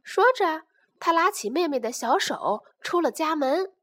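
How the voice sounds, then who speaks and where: A woman reading a children's storybook aloud in an expressive, animated way. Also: high-pitched, measured pace.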